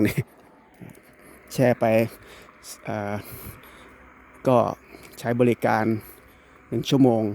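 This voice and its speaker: A young man from Thailand's northeast, with an Isan accent, talks in a rambling, self-correcting way as he drives and walks around, filming on his phone. His voice is gravelly and sits at an ordinary pitch. A faint hiss of noise runs under the recording. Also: darkish tone. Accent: Isan Thai. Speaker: vlogger. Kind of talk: casual travel vlog narration. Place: outdoors and driving around the countryside. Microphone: phone held by the speaker.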